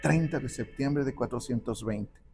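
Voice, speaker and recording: A man telling a saint's life in conversation, acting out the quoted dialogue with lively shifts. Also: mid-range voice, normal speed, music in the background. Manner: animated, acts out quoted dialogue. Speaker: guest speaker on the parish patron saint. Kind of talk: conversational storytelling.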